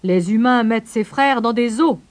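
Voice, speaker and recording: A woman's voice: on the high side, moderate pace, pitched above the performer's own voice, lightly acted. A woman voicing a fussy male pelican presiding over a trial, declaiming in a raised voice. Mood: pompous.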